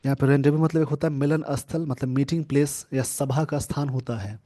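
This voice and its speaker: A man teaching English grammar from a newspaper, explaining slowly and repeating key words. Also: medium pitch, fairly even intonation, warm tone. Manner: slow, repetitive explaining, mixing English terms into Hindi.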